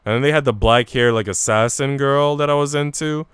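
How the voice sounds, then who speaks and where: Smooth and fairly bright, this medium-pitched game streamer talks fairly quickly in a clean, echo-free studio recording. He chats loosely with viewers in slangy language while voicing lines from a visual novel.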